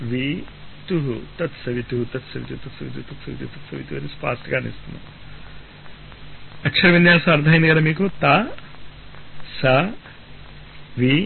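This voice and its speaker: Man teaching spiritual discourse, tinny radio sound. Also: fairly high pitch. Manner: slow, drawn-out syllable-by-syllable chanting of sounds; asks rhetorical questions and answers them. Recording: tinny phone-like radio broadcast with faint noise.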